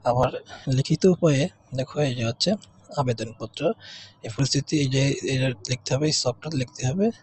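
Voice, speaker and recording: A man's voice: medium pitch, normal speed, a little mellow, a little hiss or hum. A man teaching an exam revision lesson. He reads out words twice and keeps asking "okay?" with a rise. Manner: repeats each word twice as he reads.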